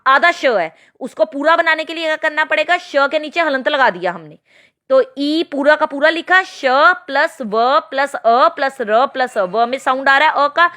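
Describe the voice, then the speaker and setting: A woman's voice: sits high, a bit bright. A woman teaching a grammar lesson to children, spelling out letters step by step and checking with questions. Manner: slow, spelled-out explanations with frequent checking questions.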